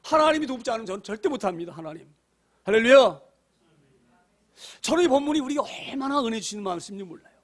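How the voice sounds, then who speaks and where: Pastor guy preaching hard, pretty high voice, keeps saying hallelujah, goes loud then quiet. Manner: fervent preaching, repeated hallelujahs, rising and falling loudness. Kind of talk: sermon.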